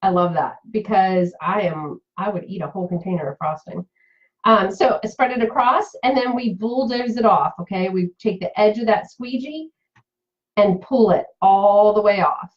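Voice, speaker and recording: A woman's voice: mid-range voice, normal speed, dull audio. A woman leading a live-streamed craft tutorial, chatty and full of fillers, answering viewers' comments as she works. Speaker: craft demonstrator and seller.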